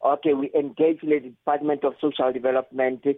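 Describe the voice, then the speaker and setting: A man with a South African Setswana accent speaking in a radio discussion, hesitant and pausing often. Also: medium pitch, level tone, dry recording. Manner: hesitant, frequent pauses. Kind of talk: radio discussion, mixing languages. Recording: narrow phone-like line.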